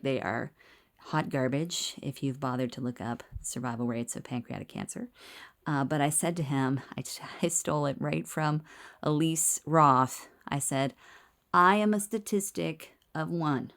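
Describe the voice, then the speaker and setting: A woman's voice: a bass voice, normal speed. A woman recording a candid personal video diary in a small clinic room on a handheld phone, speaking wryly and sometimes dropping to a whisper. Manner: candid, wry, drops to a whisper at times. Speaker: video diarist.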